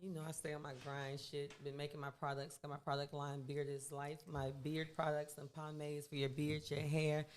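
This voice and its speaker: A woman pitching her beard and hair products as a guest on a casual podcast. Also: flat delivery, normal speed, few pauses. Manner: promotional, hustling pitch.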